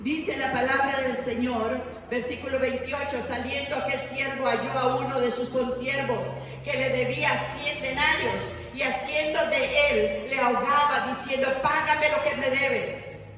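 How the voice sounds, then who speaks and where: A woman's voice: high voice, steady tone, normal speed, far from the mic. Woman preaching in an echoey hall. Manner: storytelling, acting out quoted voices, rhetorical questions. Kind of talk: sermon. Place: church hall. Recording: echoey hall, voice from afar, faint noise.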